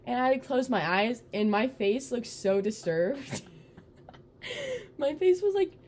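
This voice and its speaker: Animated young woman telling a story. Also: fairly high pitch, a little slow, a little hiss or hum. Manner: animated storytelling, acts out her younger self. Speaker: podcast co-host. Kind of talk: casual chat.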